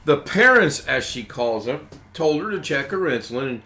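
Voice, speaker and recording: A man's voice: mid-range voice, big pitch swings, normal speed, pushed and bright. A man from the United States hosting a live stream in rambling, casual chat, chuckling as he goes.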